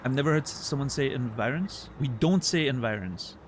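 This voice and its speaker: Fairly quick and lively in intonation, this mid-range male voice comes with slight background noise. He's a French-accented streamer, French his first language, giving casual commentary as he plays, thinking aloud and playfully acting outraged at chat.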